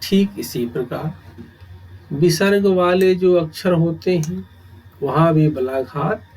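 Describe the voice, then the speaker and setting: A middle-aged man teaching grammar, speaking in short phrases with long pauses and repeating key terms. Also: fairly high pitch, darkish tone, poor audio. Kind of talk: slow, deliberate grammar lesson.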